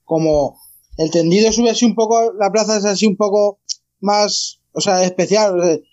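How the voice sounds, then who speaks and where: A man in casual podcast chat, halting and repeating his words. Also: sits high, fairly even intonation, a little mellow. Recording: dull lo-fi sound.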